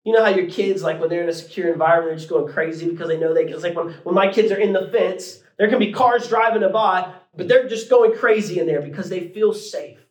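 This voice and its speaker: High-voiced preaching man, echoey church. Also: quick pace, hardly any pauses. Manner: preaching with rising emphasis and colloquial asides. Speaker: pastor. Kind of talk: sermon. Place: church sanctuary.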